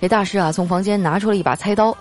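A woman with a medium-pitched voice races through listener jokes as the host of a comic podcast, with light background music playing. She reads playfully, laughs often, and acts out quoted lines in a raised voice.

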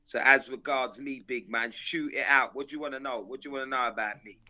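A man's voice: mid-range voice, fast talker, sharp tone. A man with a South London accent, telling stories in street slang in an emphatic, declarative, repetitive way. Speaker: interview guest, videographer.

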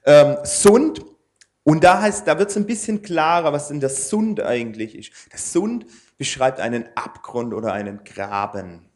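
A man preaching to an audience in a casual, conversational way. He pauses often with fillers and tag questions while he explains his slides. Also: a little high, expressive, darkish tone. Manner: informal, with frequent "ja" and hesitant fillers; speaks to an audience using slides. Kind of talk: conversational sermon.

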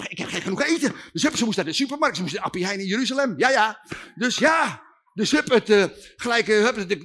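Animated jokey preacher. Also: male voice, sits high. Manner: animated, jokey, acting out voices. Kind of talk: comic storytelling sermon.

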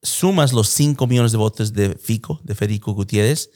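A man's voice: fairly low pitch, brisk, darkish tone. A man giving conversational political analysis in Spanish with occasional English filler words, in a Spanglish manner.

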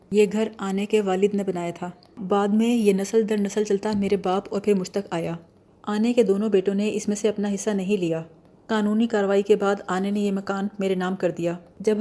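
A woman's voice: medium pitch, dark tone, lightly acted. A woman voicing an earnest young woman, an older sister, who speaks plainly.

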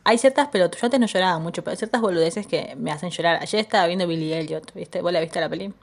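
Young Rioplatense woman, podcast co-host, easygoing chat, slightly low pitch. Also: quick pace. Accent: Rioplatense Spanish. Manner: chatty, laughing, many fillers. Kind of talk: casual chat.

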